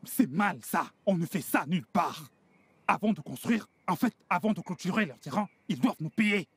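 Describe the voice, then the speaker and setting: Domineering gang boss, highish husky voice, emphatic scolding, dubbed film drama. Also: male voice, animated, moderate pace, no room sound, full character voice. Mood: indignant ranting. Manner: scolding, emphatic, repeats himself. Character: domineering, indignant male street gang boss.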